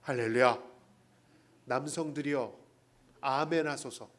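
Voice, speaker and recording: A man's voice: mid-range voice, unhurried, fairly bright tone. A man pastor preaching a sermon in a church, telling the story with humor, acting out the characters' lines and speaking directly to the congregation. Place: church sanctuary.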